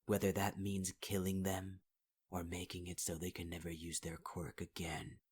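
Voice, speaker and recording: In an ASMR audio roleplay, a man plays a possessive male villain, half-whispering close to the mic in a taunting way and calling the listener sweetheart. His deep voice is monotone and darkish with a breathy edge, at normal speed. The mood is contemptuous.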